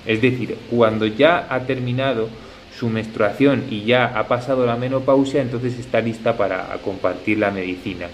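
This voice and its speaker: A man, talking about ayahuasca integration in a thoughtful, hesitant way, with many pauses and fillers. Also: mid-range voice, steady tone, slight background noise. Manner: reflective, hesitant with frequent fillers. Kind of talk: casual conversation.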